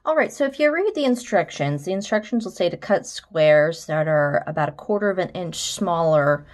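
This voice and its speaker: A woman's voice: fairly low pitch, lively intonation, moderate pace. An American woman, a quilting instructor, giving a friendly, chatty how-to walkthrough. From United States.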